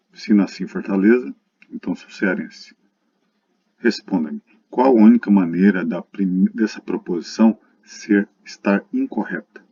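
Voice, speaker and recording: With a low, mellow, husky voice, a Brazilian lecturer explains math to his students in a didactic recorded lesson. The sound is lo-fi, muffled and dull.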